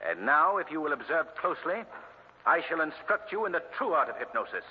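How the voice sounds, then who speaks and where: Mysterious crime fighter: husky, theatrical, taunting, on a muffled 1940s radio recording. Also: male voice, on the high side, very animated, brisk, in a large hall. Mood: commanding. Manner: sinister mocking laugh, theatrical. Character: mysterious invisible male crime fighter, mocking and commanding. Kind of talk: 1940s radio drama acting.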